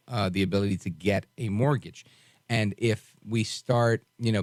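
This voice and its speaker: A man's voice: on the low side, a little mellow, no echo. A man hosting a radio talk show in a conversational style.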